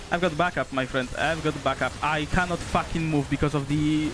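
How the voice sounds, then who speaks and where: A young Polish man streams gameplay, offering casual, laid-back commentary, chatting and swearing now and then. His voice sits on the high side, with background noise in the recording.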